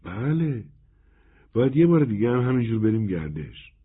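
A man voicing a shy, cheerful young servant girl with a husky, raised voice. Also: mid-range voice, very animated, pitched above the performer's own voice, full character voice. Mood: eager, wistful. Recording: narrow phone-like band.

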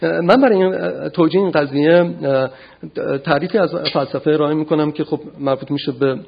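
A man giving an academic philosophy lecture, measured and often pausing to gather his thoughts. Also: fairly high pitch, vocal fry, breathy edge, dull audio. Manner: measured, frequent hesitations.

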